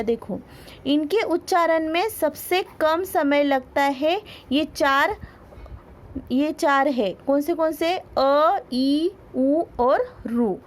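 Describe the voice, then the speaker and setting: A woman teaching a school grammar lesson. She asks questions and answers them herself, repeats key words and stretches out her examples. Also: sits high.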